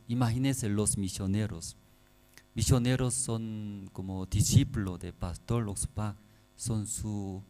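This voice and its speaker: A man with a Korean accent preaching a sermon in halting, non-native phrasing, often checking with the congregation through short rhetorical questions. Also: fairly low pitch, dark tone, rough recording. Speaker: pastor.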